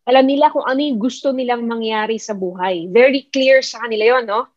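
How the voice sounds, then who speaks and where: A fairly high-voiced woman with a Filipino accent coaches an online group, mixing English into her speech. She repeats her key points and keeps asking her listeners questions. Her voice comes through a computer mic, close and dry, with a dull, muffled tone. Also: brisk, no room sound. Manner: repetitive, questioning the audience; mixes English into Tagalog. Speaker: network marketing mentor. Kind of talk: online motivational talk.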